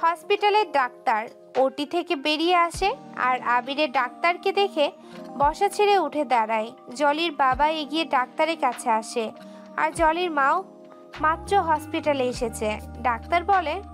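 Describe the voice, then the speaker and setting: A woman narrating a scripted romantic audio story in an emotive, steady way. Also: sits high, a little slow, soft background music.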